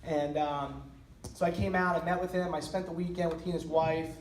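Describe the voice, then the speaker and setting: A man's voice: fairly high pitch, steady tone, brisk. A man giving a heartfelt speech to an audience, telling a story earnestly with frequent restarts. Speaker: ministry leader speaking at an event. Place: church hall with men gathered. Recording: echoey hall, mic at a distance, faint noise.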